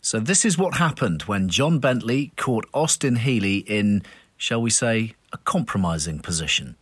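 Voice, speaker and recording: A man's voice: fairly low pitch, lively intonation, normal speed, slightly rough. A man hosting a podcast, reading scripted links with a wry tone. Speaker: podcast host. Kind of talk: scripted narration.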